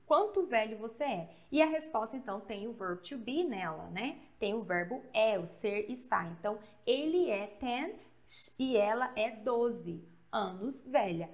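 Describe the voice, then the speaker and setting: Her voice is on the high side and her pace measured as she leads an animated, conversational English grammar lesson. She is a woman from Goiás, Brazil, with a Brazilian accent, mixing Portuguese and English and using tag questions often.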